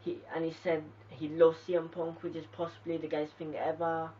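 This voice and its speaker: A home reviewer rambles through a casual spoken recap, filling gaps with "like" and "you know". The voice stays flat and even. It sounds distant and muffled, caught on a cheap lo-fi mic. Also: mid-range voice, normal speed, slight background noise. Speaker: wrestling show reviewer.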